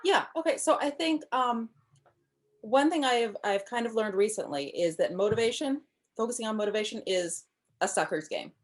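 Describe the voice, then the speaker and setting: Her voice is a little high and animated, moving at a moderate pace. She's a novelist in her thirties, a guest on a casual interview over video call from a room in her home, eagerly discussing her writing ideas with many ums.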